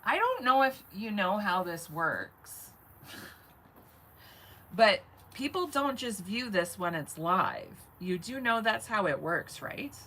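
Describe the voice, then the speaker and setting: A woman's voice: medium pitch, big pitch swings, slow, sharp tone, low-quality recording. A woman in her forties talking in a rambling, chatty live-stream monologue, swearing casually and laughing often. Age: 40s. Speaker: vlogger.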